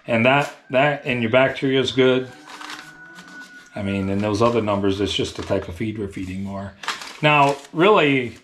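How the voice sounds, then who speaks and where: A dairy farmer in his thirties speaks at a medium pitch with a fairly bright tone. He explains things casually, in a plain-spoken, folksy way, from a small indoor work room: a small tiled milk room with a steel tank.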